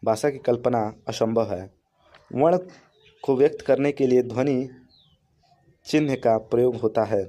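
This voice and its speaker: A man's voice: medium pitch, mellow. A man teaching a Hindi grammar lesson in a classroom style. He restates each rule in simpler words and draws out the vowel sounds he gives as examples.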